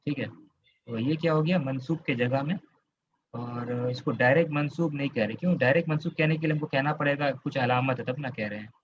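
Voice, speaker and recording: A man's voice: mid-range voice, a little fast, lo-fi sound, slight background noise. A man from Kolkata teaching Arabic grammar in an online class, explaining step by step, quizzing his students and checking in with them often. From Kolkata, India.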